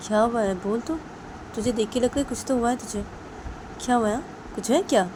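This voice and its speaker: A woman playing a worried college friend who nags with question after question in a raised, softer voice. Background noise and vehicles hum under the storybook telling. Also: fairly high pitch, a little fast, voice pushed up, natural voice. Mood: prodding. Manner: prodding, repeated questions. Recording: noisy background with passing vehicles.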